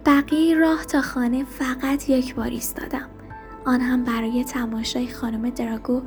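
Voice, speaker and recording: A woman reading a story aloud in a soft, hushed narration. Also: high-pitched. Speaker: story reader.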